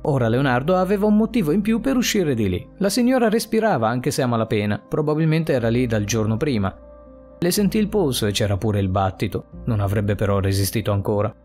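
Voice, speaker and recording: A man's voice: mid-range voice, a little mellow. A man reading a scripted suspense story aloud, with a dramatic, suspenseful delivery. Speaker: narrator.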